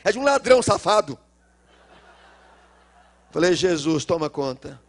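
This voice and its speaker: A middle-aged male pastor with a Minas Gerais accent, preaching a sermon and acting out the dialogue of a story, swinging between loud cries and low murmurs. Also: big pitch swings, unhurried. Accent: Brazilian Portuguese, Minas Gerais. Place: church.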